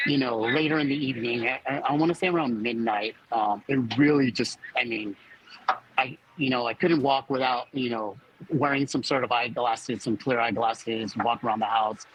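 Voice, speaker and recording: A man of about fifty giving a personal account as a fire captain in an interview, speaking haltingly as he searches for words. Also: mid-range voice, dull audio, background noise.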